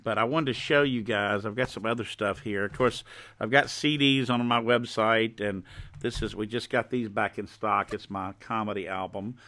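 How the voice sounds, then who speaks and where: A man talking like a folksy home shopping host on a live stream, informally showing and pitching his own products. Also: fairly even intonation, normal speed, sharp tone. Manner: folksy, informal show-and-tell.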